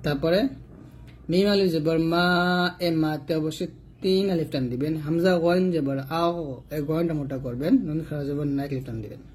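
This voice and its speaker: A man with a Bangladeshi Bengali accent teaching Quran reading, spelling out syllables and reciting them slowly and patiently for learners. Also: fairly high pitch, darkish tone, a little hiss or hum.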